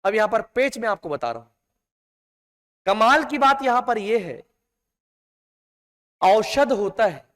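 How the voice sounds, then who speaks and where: Emphatic high-voiced male teacher, echoey hall. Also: a bit bright. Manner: emphatic, drawn-out stressed words, addresses students as "beta". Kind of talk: classroom lecture. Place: classroom. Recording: long hall reverb.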